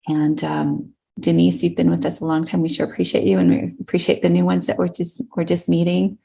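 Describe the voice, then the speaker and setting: A woman co-founder thanking her new team on a video call, halting and grateful. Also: lowish voice, creaky, warm tone, low-quality recording. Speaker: business co-founder.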